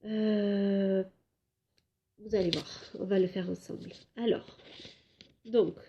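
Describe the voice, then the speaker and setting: A woman teaching a home lesson to young children, slowly clapping out syllables and drawing out words for them. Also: medium pitch, fairly even intonation, highs cut off, a little hiss or hum. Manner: slow, clear syllable-by-syllable teaching; drawn-out, emphatic words for children. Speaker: kindergarten teacher.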